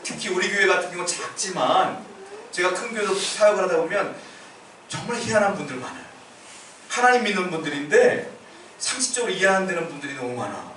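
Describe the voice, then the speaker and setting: A man's voice: sits high, expressive, quick pace, fairly bright tone, slight background noise. A male pastor giving a sermon in a conversational, storytelling manner, recorded in a church sanctuary. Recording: echoey church hall from far off.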